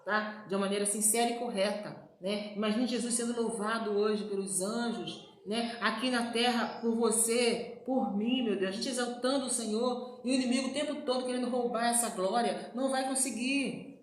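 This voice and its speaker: A woman preaches informally, checking in with her listeners at almost every turn. Her voice sits a bit high. She sounds like she's in a very echoey room, with faint background noise. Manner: chatty, repeats "né" and "gente" to the listeners. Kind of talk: informal sermon.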